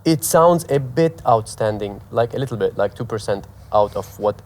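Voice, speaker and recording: Lively Syrian-born man, film composer. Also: on the low side, normal speed. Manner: lively, animated, sings melodies out loud. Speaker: film composer and music teacher. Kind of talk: interview conversation.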